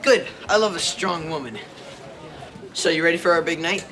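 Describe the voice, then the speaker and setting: A man's voice: a little high, normal speed, a bit bright, a little hiss or hum, close to an everyday voice, rough recording. A teenage male actor playing a smug, eager schoolboy suitor with a pompous manner in a TV comedy. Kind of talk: TV teen comedy acting. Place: indoor film set.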